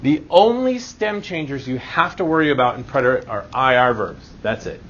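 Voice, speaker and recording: With an animated, fairly bright mid-range voice at normal speed, a Spanish teacher leads a grammar lesson. He keeps things informal and reassuring and often checks in via short rhetorical questions. The sound is dull lo-fi, with obvious background noise.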